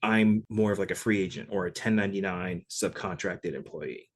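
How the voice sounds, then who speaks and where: A man from Connecticut, a session percussionist, telling stories in a relaxed interview with lots of "like" fillers. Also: low voice, moderate pace. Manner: relaxed, chatty, frequent "like" fillers. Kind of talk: casual interview storytelling.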